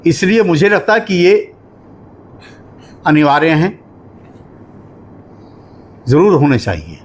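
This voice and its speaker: A man giving a formal spoken review of a poetry book at a literary discussion, measured and explanatory, working through examples. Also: fairly high pitch, big pitch swings.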